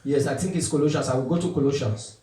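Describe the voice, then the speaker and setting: A man's voice: mid-range voice, fast, dark tone, a little hiss or hum. A man preaching a sermon with emphatic call-and-response, quoting scripture. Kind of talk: street sermon. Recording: echoey, from far off the mic.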